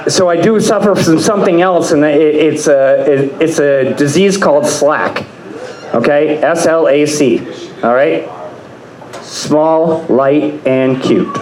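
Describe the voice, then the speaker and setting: Guy doing crude rambling standup, kinda high voice, echoey club sound. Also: a little mellow. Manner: rambling, crude, repeats "I was like", laughs at own jokes. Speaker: stand-up comedian. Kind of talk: stand-up comedy set. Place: comedy club stage.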